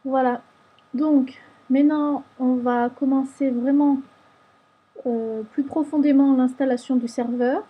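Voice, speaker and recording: A woman narrating a screen-recorded software tutorial, explaining each step patiently. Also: high voice, steady tone, takes it slowly, breathy edge, lo-fi sound. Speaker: tutorial maker.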